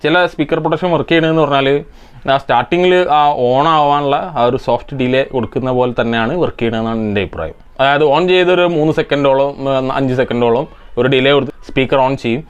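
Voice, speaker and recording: A man's voice: mid-range voice, quick pace, clear, resonant tone, dull audio. A man from India hosting an electronics repair channel, answering viewer comments with methodical step-by-step technical explanations.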